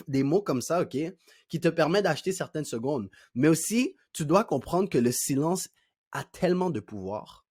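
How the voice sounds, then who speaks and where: A man's voice: on the high side, slightly rough, no room sound. Slangy Québécois man coaching, dry close sound. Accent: Québécois French. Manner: animated, slangy, demonstrates voices and pauses. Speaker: self-improvement coach. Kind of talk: talking-head tutorial.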